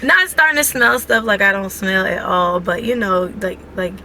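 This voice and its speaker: A woman tells a story in a lively, chatty way, packed with fillers. Her voice is bright and clear, at a middle pitch. A faint hum sits behind her. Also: normal speed. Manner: animated, chatty, many fillers. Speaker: vlogger, mother. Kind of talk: casual storytelling.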